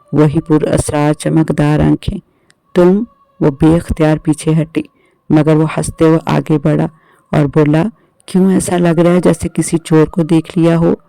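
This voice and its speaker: A man reading a scripted horror story in an even, measured narration. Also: a little high, creaky, dry recording, poor audio.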